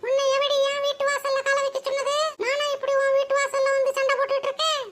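Woman putting on very high squeaky cartoon village ladies, bickering and scolding nonstop. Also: monotone, fast, fairly bright tone. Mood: quarrelling. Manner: scolding, high-pitched and shrill. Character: quarrelsome sharp-tongued village women.

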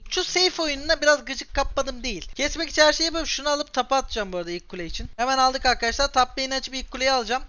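A man in his twenties from Turkey giving excitable live commentary on his own gameplay and talking straight to his viewers. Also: very high-pitched, smooth, highs cut off. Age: 20s. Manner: excitable, talks straight to viewers while playing. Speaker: gaming streamer.

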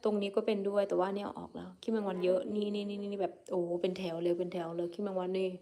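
A woman's voice: mid-range voice, level tone, racing, dark tone. A young woman whose first language is Akha, chatting casually and laughing as she hosts her own livestream. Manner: chatty, giggly, unashamed, calls herself by name. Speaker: livestream host.

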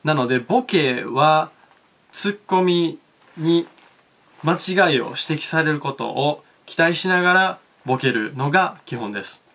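A man with an Osaka accent teaches a language lesson in a fairly high voice. He explains each point in Japanese and then in English. He acts out dialect phrases with lively repetition. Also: a little slow.

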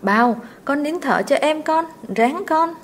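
Woman doing cruel mistress, loud scolding, sharp. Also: on the high side, expressive, moderate pace, a little hiss or hum, natural voice. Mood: urgent. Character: harsh, bad-tempered rich mistress.

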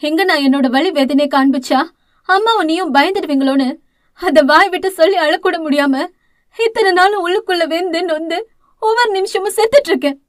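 Woman reader as a grieving older sister, tearful and self-accusing, high voice, close dry read. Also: fairly quick, no echo. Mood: despairing. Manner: tearful, pleading, self-blaming. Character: guilt-ridden young woman, anguished elder sister.

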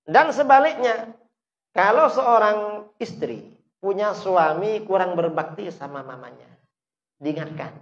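A man preaching a sermon, asking the listeners questions and answering them himself, with emphatic bursts that rise sharply and then drop low. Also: expressive, unhurried. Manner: emphatic, rises sharply to stress points then drops low. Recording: dull lo-fi recording.

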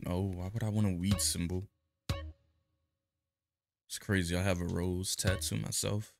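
Deep gravelly young man gaming. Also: unhurried, over music. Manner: relaxed, slangy, laughs at the game. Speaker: gaming youtuber. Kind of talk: casual gameplay commentary.

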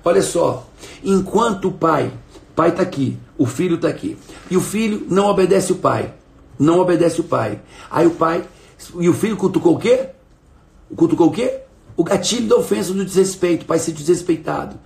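A man's voice: on the high side, expressive, moderate pace, gravelly, a little mellow. A middle-aged man teaching in a live stream, emphatic and repeating his phrases while he asks viewers to respond. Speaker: coach and live-stream host.

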